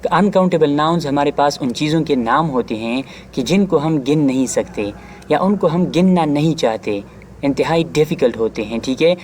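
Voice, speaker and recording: A man teaching an exam-prep grammar lesson who explains each word and slows down to read English sentences deliberately. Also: fairly high pitch, a little mellow, a little hiss or hum. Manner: explains each word, often adds "theek hai"; reads English lines slowly and deliberately.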